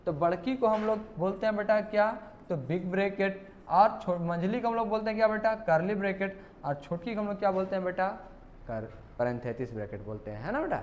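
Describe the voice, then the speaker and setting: Playful tinged teacher. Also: male voice, high voice, brisk, slight background noise. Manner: playful, repeats questions to students, calls them "beta". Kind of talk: exam question walkthrough lesson.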